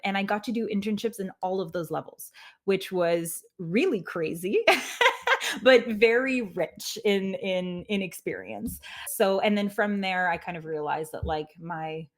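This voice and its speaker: A Quebec woman in her thirties, French being her first language, hosts a casual teaching webinar with a medium-pitched, unhurried voice. She's chatty and self-deprecating, laughing often and filling with "like."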